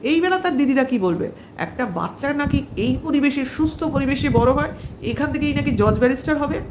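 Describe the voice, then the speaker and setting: A woman's voice: sits high, lively intonation, a little fast, a little mellow, slight background noise. A woman vlogger giving casual, sarcastic commentary on another channel, full of fillers and rhetorical questions.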